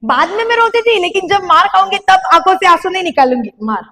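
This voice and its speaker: A young woman giving a sermon testimony to a congregation, telling her story with animated storytelling that rises to emphatic calls. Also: extremely high pitch, quick pace.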